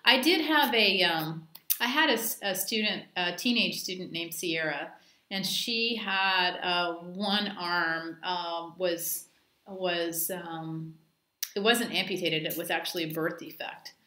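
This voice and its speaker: A woman's voice: lowish voice, takes it slowly, bright, forceful tone, echoey room. A woman dive instructor giving a casual training talk, chatty and full of anecdotes and fillers.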